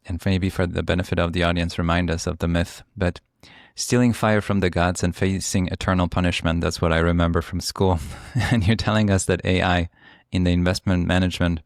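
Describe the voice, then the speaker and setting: Man with Polish accent, low gravelly voice, dry sound, eager podcast host. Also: dry recording. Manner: eager, enthusiastic questioning. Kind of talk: interview hosting.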